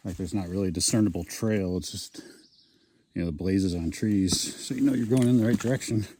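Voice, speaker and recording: A man's voice: deep voice, brisk. A man casually narrating a hiking vlog outdoors on a wooded mountain trail, rambling with lots of ums. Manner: relaxed, rambling with many ums. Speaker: hiking vlogger. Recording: outdoor noise behind.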